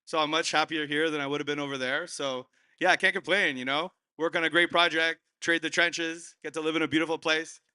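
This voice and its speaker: A man's voice: on the high side, steady tone, fairly quick, pushed and bright, clear, resonant tone. A man from Canada speaking as a panel guest, upbeat and easygoing, dropping "you know" often.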